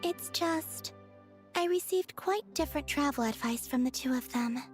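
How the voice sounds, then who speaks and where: An actress voicing a gentle, naive young woman in a video game, polite, earnest and matter-of-fact. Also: high voice, normal speed, natural voice. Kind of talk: video game character dialogue. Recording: background music under the dialogue.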